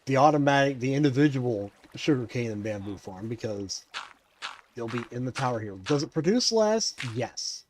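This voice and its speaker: A sleepy man gives laid-back game commentary, half talking to himself as he works. His voice sits at an everyday middle pitch. His chatter rambles loosely along. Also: normal speed, a little hiss or hum. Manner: talks to himself while building, relaxed and rambling. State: tired, yawning. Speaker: video game player.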